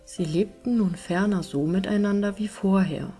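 Over soft music, a woman storyteller reads a fairy tale aloud as scripted audiobook narration. Her mid-range voice has a breathy edge and keeps a moderate pace.

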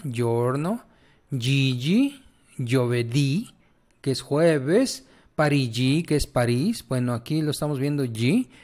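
A man's voice: a little high, a little mellow. A man teaching a pronunciation lesson, patiently repeating each sound and checking in with the learner. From Mexico. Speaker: language teacher.

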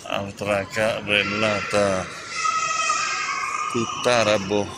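A man's voice: lowish voice, little pitch movement, very slow. A man vlogging as he walks through a shopping mall, narrating casually in a playful, enthusiastic, teasing way. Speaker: travel vlogger. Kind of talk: casual walking-tour narration. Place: large indoor shopping mall. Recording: noisy mall ambience.

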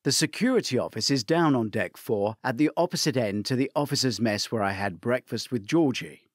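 A man's voice: medium pitch, brisk, no echo, studio quality. Man narrating a thriller audiobook. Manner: expressive storytelling. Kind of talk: first-person audiobook narration.

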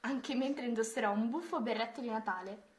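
A woman voicing a gentle, loving father in a storybook, softly and tenderly. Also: on the high side, fairly quick, lightly acted.

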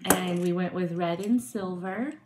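A woman's voice: fairly low pitch, measured pace, heavy background noise. A woman hosting a casual podcast chat, chatty and giggly, with hesitant restarts. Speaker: podcast host.

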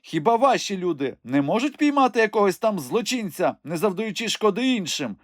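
A defiant old peasant widow shrieks and scolds in a high, thin storybook voice. Her talk is sharp-tongued and cursing, recorded dry and close. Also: big pitch swings, fairly quick, no room sound. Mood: scolding.

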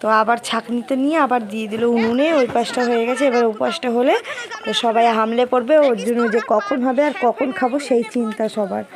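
Hoarse middle-aged woman, chatty phone vlogger, a bit high-pitched. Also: steady tone, fast. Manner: chatty, walking and pointing things out. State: hoarse from a cold. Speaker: family vlogger. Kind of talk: casual vlog narration.

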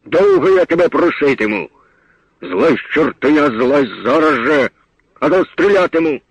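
A man voicing an angry armed villager who barks threats and shouts, on a dull lo-fi old radio recording. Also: medium pitch, very animated, extremely slow, no room sound, full character voice. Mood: menacing.

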